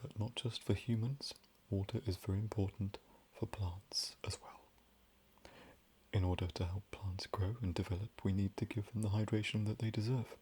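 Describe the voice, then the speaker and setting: A man in soft-spoken, whispered role-play, rambling gently and drifting between a whisper and a low voice. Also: steady tone, normal speed, slight background noise. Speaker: ASMR creator.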